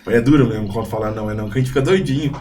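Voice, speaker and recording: A young Brazilian man, a missionary guest, chatting casually and telling lively stories, acting out the voices of people in them. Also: mid-range voice, rapid-fire, slight background noise. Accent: Brazilian Portuguese. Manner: animated storyteller, acts out quoted voices. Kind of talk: casual chat.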